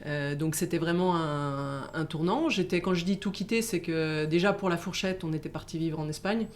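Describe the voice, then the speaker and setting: Low-voiced middle-aged woman, halting interview talk. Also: slight background noise. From born in Italy, raised in France. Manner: hesitant, many fillers and restarts. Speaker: guest. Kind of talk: casual interview.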